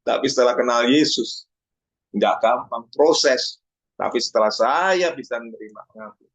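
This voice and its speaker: A man preaching a sermon, animated and often calling out to his listeners. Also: moderate pace. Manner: animated, swings pitch up for emphasis, keeps addressing listeners as "brothers".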